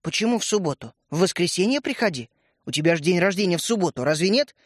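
A bossy schoolgirl from a children's storybook, suspicious and a little sulky, as a man reading aloud puts her on. The voice sits fairly high and the sound is dry and close. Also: expressive, fast talker, dry recording.

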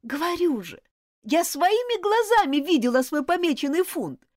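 A woman reading an audiobook, voicing a fiery schoolgirl monitor who is indignant and insistent, with shrill outbursts. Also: very animated, moderate pace, dry recording, studio quality. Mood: pleading. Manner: shrill, pleading, loud outbursts.

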